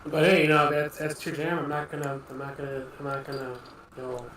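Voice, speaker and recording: A man hosting a livestream in casual chat, rambling and filling every pause with "you know". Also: a little high, little pitch movement, a bit bright, slight background noise. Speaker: livestream host. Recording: echoey room, mic at a distance.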